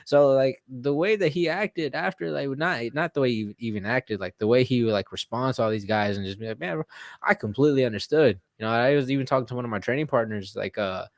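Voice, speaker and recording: A man's voice: medium pitch, fast talker, gravelly, dry recording. Guy rambling thru stories, swears a lot, fillers everywhere, dry sound. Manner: rambling, profane storytelling with many fillers. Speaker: guest fighter. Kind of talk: casual interview chat.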